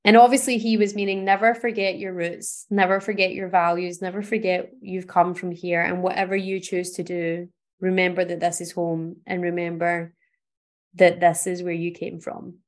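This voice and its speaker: A woman's voice: on the low side, little pitch movement, moderate pace. Earnest encouraging woman podcaster from Scotland. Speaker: podcast host. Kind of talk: motivational podcast monologue.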